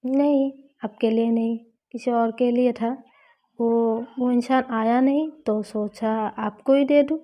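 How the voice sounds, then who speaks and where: A woman's voice: on the high side, fairly even intonation, slow, long pauses. A woman voicing a playful, affectionate young college woman who teases and coaxes her girlfriend, read out in a storybook. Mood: teasing. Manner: teasing, coaxing. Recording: slightly dull lo-fi recording.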